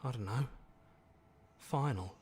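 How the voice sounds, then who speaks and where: An actor playing the brooding, uneasy inner voice of a hero in a video game, dramatically delivered. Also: male voice, mid-range voice, slow, a little mellow, breathy edge. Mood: anxious.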